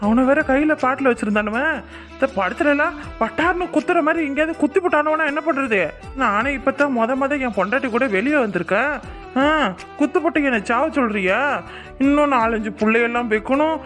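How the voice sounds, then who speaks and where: A cocky young husband from a cartoon, voiced by an actor, full of bragging and joking banter. His pitch sits in a middle range, and he teases his wife freely. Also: a little fast, fairly bright tone, faint music behind, natural voice. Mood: playful. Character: boastful young husband, playful and teasing. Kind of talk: cartoon voice acting.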